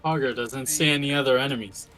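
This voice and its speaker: Bright-voiced laconic tabletop player. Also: male voice, medium pitch, quick pace, faint music behind. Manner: laconic, narrates his character's actions. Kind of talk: tabletop game chat.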